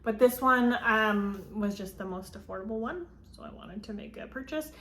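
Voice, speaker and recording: A woman's voice: medium pitch, animated, moderate pace, bright, forceful tone. A woman chatting casually through a book haul, rambling with frequent ums and likes, filmed as a phone video. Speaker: book vlogger. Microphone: phone camera. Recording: roomy phone recording, faint ambience.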